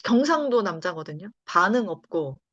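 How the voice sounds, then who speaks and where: A woman's voice: lowish voice, very animated, moderate pace, a bit bright, no room sound. A pastor's wife telling her personal faith testimony in conversation, telling the story expressively and acting out the lines of the people in it. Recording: dull dry lo-fi sound.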